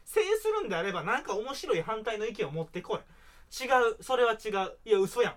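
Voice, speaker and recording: A young man with a Kansai accent, co-hosting a comedy duo's podcast with teasing banter and loud mock outbursts. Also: high voice, sing-song, a little fast. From Hyogo, Japan. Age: young adult. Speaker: comedy duo podcast co-host.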